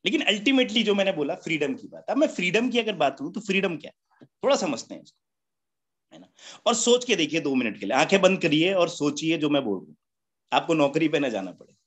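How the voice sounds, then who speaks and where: Higher-voiced man giving a motivational talk. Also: very animated, a little fast, fairly bright tone. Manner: rhetorical questions with a constant "है ना?" tag; chatty, joking, laughs at his own points. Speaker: motivational speaker at a business meeting. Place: business meeting with an audience.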